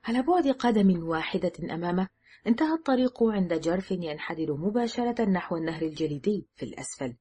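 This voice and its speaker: A woman narrating an audiobook thriller in a measured, dramatic reading. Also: on the low side, expressive, mellow, husky. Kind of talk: scripted narration.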